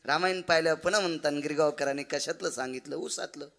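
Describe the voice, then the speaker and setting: A man performing as a kirtankar, preaching a devotional kirtan sermon and swinging dramatically between loud and hushed delivery. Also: a little high, brisk, soft background music.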